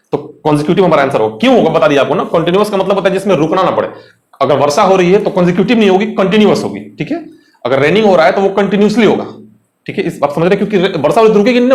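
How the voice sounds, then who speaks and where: Brief: young Indian male teacher, chatty exam lesson, fairly high voice, echoey room. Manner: chatty, asks students questions, Hindi mixed with English. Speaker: English teacher. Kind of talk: exam lesson explaining vocabulary.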